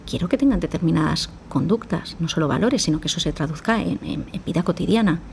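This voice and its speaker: This podcast guest is a woman psychologist whose fairly low, gravelly, darkish voice moves at a quick pace over a little hiss or hum. She gives long explanations and performs her dialogues with parents.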